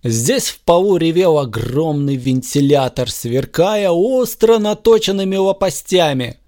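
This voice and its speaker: Expressive male audiobook narrator. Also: a little high, measured pace.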